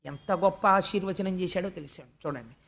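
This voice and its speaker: A religious storyteller giving a devotional discourse, swinging between loud emphasis and hushed asides, and chanting verses in a slow, raised tone. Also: mid-range voice, creaky.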